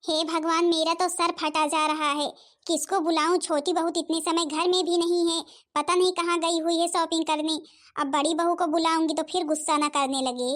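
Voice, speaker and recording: A woman's voice: very high voice, level tone, moderate pace, a bit bright. A woman voicing a fretful, self-pitying old mother-in-law in a cartoon, complaining plaintively. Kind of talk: Hindi cartoon voice acting.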